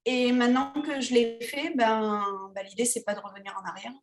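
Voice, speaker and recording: A woman's voice: fairly high pitch, fairly quick. A woman photographer talking casually as an interview guest, hesitant, with many fillers and restarts. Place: Tahiti.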